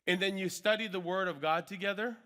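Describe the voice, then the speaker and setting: A man with a high, brisk, sharp voice teaches Bible discipleship to a workshop group in an informal way. He switches between English and Hmong mid-talk and keeps checking in with tags like "okay" and "right."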